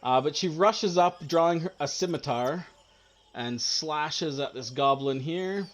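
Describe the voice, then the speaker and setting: A man narrating a tabletop game as dungeon master, hesitant and unhurried, often laughing. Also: on the high side.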